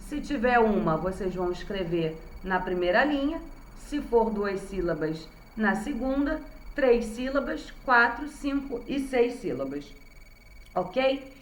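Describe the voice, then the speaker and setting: A woman's voice: fairly high pitch, animated, unhurried, a little hiss or hum. A woman teacher with a Brazilian Portuguese accent, giving a recorded lesson to young children and patiently sounding out words syllable by syllable. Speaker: primary school teacher. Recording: roomy echo.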